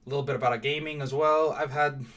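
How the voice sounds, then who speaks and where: A man's voice: a little high, fairly even intonation, quick pace, a bit bright. A young man from Mauritius giving a casual, hesitant channel introduction, full of fillers and restarts. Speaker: vlogger. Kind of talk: casual direct-to-camera intro.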